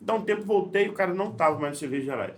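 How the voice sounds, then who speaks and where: A man talks in a studio podcast and tells stories about his work as a leadership trainer. His voice sits a bit high for a man and swings widely as he acts out each exchange, with many restarts. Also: rapid-fire. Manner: animated storyteller, acts out dialogue, frequent restarts. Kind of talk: casual storytelling conversation.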